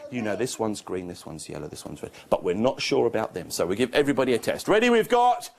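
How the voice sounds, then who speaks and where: Animated kids' party magician, a man. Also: fairly low pitch, quick pace, gravelly. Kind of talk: live kids' magic show patter. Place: live performance before an audience of children. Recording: noisy live room with clicks.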